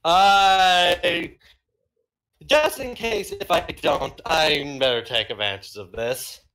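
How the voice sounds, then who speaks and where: A man's voice: fairly high pitch, expressive, slow pace, sharp tone. A man playing a tabletop game, slipping between casual narration and his character's lines. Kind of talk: casual role-play chat.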